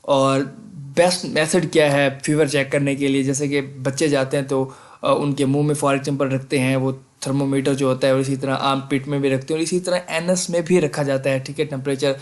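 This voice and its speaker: A man's voice: medium pitch, level tone. A man casually explaining medical college exam formats to students, often asking "theek hai" and mixing in English terms. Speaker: medical admissions advisor on a video channel.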